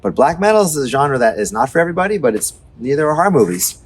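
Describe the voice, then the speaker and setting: A man's voice: a little high, sing-song, fast, a little hiss or hum. A middle-aged man hosting a casual music chat, rambling and enthusiastic with lots of fillers, on a street at night. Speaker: show host.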